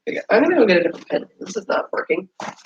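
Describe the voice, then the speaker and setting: A medium-pitched, husky voice rattles off words in a rapid-fire, sing-song way, muffled in the recording. It belongs to a sniffly streamer and writer catching a cold who chats casually while wrapping gifts at home, rambling, apologizing, and talking to themself amid household noise.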